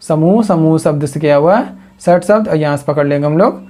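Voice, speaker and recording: Male coaching teacher, mellow tone, drills mnemonics through question and answer. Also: a little high, brisk. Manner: repeats questions to the class and answers them; builds memory tricks from words. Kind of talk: exam coaching lecture.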